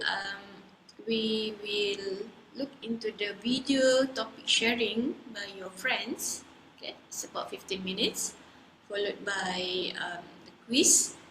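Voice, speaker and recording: A woman lecturer speaking to her class over a video call, often checking in with "okay?" and "right?". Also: medium pitch. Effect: heard over a video call. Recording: echoey room over a video call, faint noise.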